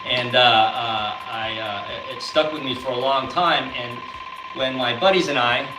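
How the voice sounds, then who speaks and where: A man's voice: mid-range voice, a little slow. A man born in the Philippines, a guest on a video call, speaking casually with many fillers. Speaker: guest, product founder. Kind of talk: casual interview talk. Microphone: laptop mic on a video call. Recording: echoey room with noise over a laptop mic.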